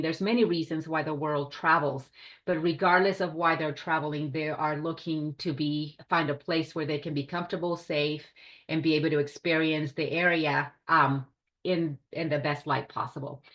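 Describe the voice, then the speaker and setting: A woman from Puerto Rico, a company director, giving an enthusiastic, chatty business presentation on a video call. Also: low voice. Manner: enthusiastic, chatty, warm hospitality tone. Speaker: director of short-term rentals, presenter.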